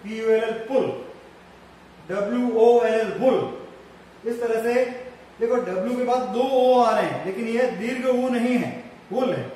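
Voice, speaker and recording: A man's voice: very high-pitched, normal speed, warm tone. A male teacher trainer with an Indian English accent, giving a bilingual lecture on English vowel sounds and spelling words out letter by letter. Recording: echoey room, voice from a distance, faint background noise.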